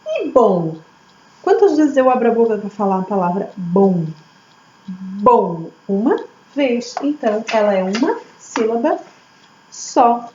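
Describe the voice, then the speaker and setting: A woman teacher, slowly sounding out words syllable by syllable for young children. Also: fairly high pitch. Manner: slow, syllable-by-syllable, lively teacher questions. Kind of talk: early literacy lesson for children. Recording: echoey room, slightly dull audio, faint hum.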